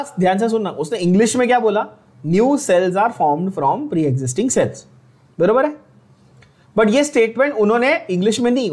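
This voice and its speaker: Indian man, high voice, biology lecture, chatty teacher, jokes with students, slow dictation. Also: a little mellow. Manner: chatty, joking asides, slows right down to dictate English lines. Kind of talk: online exam-prep lecture.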